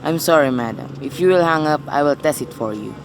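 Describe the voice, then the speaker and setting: A woman's voice: sits low, expressive, fairly quick, slight background noise. A woman playing an unruffled, by-the-book telephone operator in an amateur radio play, polite and formal. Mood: impassive.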